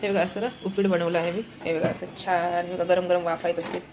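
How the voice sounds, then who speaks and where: A woman's voice: on the low side, little pitch movement, fast talker, background noise. Chatty woman vlogging around her home. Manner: chatty, keeps pointing viewers to things. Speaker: family vlogger. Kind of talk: casual home vlog narration. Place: home, indoors.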